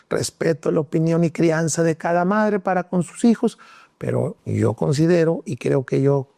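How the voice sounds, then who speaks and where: A middle-aged man with a Mexican accent speaks in a fairly high, gravelly voice with a mellow, dark tone. He holds forth bluntly on his opinions, hammering points home by repeating them. The sound is close and dry. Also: dry recording. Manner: blunt, opinionated, emphatic repetition. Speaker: host. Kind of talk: opinion monologue.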